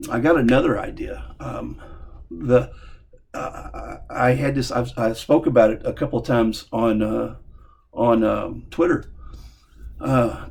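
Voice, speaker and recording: A man from the American South with a Southern accent, giving a casual opinion monologue to viewers in a halting, repetitive, folksy way. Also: mid-range voice, creaky, a little mellow, slightly rough. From Southern United States. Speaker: amateur video commentator.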